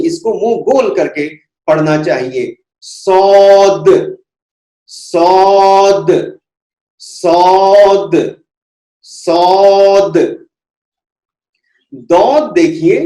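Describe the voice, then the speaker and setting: A man teaching Quran pronunciation in a slow lesson, saying each letter sound over and over with care. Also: on the high side, mellow. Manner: deliberate, repeats each letter sound several times. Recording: echoey room.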